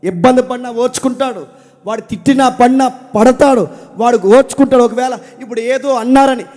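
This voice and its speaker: A man preaching a sermon with passion, swinging from loud declaiming to low confiding talk and repeating his phrases for emphasis. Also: steady tone, brisk, big-room sound.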